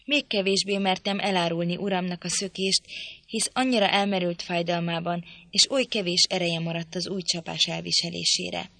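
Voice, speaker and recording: A woman reading a novel aloud in a measured, steady storytelling manner. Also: fairly low pitch, vocal fry, no echo. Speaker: audiobook reader.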